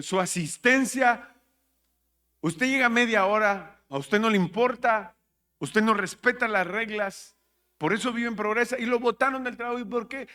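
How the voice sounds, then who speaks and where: A man's voice: sits high, pushed and bright. A man, preaching a sermon as pastor, joking, laughing at his own jokes and questioning the congregation. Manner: jokey, laughs at his own jokes, acts out listeners' voices.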